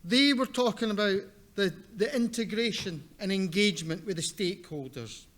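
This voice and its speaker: High-pitched, slow-talking man with broad Scottish accent. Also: fairly bright tone. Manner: deliberate, direct, emphatic with repetition. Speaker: seminar presenter, academic. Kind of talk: conference presentation.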